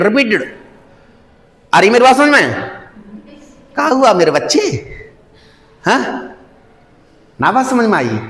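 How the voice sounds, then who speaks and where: A man teaching a science class, lively and often asking the students questions. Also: high-pitched. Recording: echoey room, long reverb.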